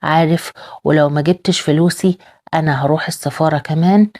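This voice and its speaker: A woman's voice: low-pitched, fairly even intonation, a little fast, darkish tone, close to an everyday voice. A woman reading a menacing gangster loan shark. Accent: Egyptian Arabic.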